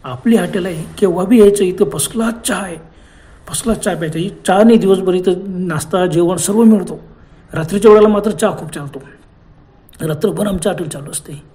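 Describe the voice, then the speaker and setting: A man's voice: high voice, brisk, dark tone, lightly acted. A man doing a hearty, talkative tea-stall owner. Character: friendly middle-aged male tea-stall owner.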